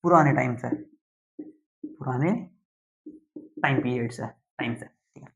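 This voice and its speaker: A young man, teaching a class lesson slowly and deliberately, often checking in with his students. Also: mid-range voice, creaky. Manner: slow, deliberate explaining with frequent "theek hai" check-ins. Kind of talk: classroom lecture. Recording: dull lo-fi sound.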